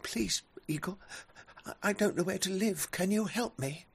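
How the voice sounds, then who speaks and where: A man's voice: high voice, moderate pace, gravelly, husky, pitched above the performer's own voice, full character voice. A man doing a timid stammering bat. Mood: desperate. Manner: stammering, pleading.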